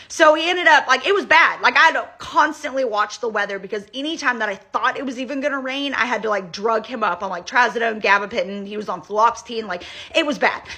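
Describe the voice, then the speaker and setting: A woman's voice: fairly high pitch, sharp tone. A young woman, venting casually to her phone camera from her bedroom in a rambling, profane way. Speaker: vlogger. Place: bedroom at home.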